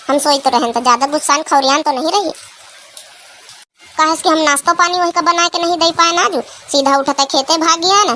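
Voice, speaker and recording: A woman's voice: high voice, sharp tone, slight background noise. A woman voicing a chatty young village woman. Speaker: cartoon voice. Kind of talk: cartoon comedy voice acting.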